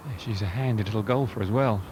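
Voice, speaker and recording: A man with a fairly low voice gives conversational golf commentary. He adds chatty asides as a co-commentator, over clearly audible outdoor noise. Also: fast.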